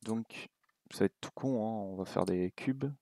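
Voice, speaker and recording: A young man with a French accent giving a relaxed, casual coding tutorial at his computer, thinking aloud with many fillers and asides. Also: lowish voice, measured pace, vocal fry, no echo, clean studio sound. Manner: relaxed, talks while clicking, many fillers and little asides. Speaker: game development tutor.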